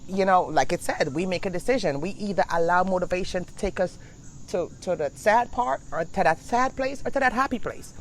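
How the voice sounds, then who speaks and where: A woman's voice: lowish voice, fairly quick, slight background noise. A middle-aged woman hosting a casual motivational chat outdoors in a backyard, talking in a blunt, emphatic, preachy way. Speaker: livestream host.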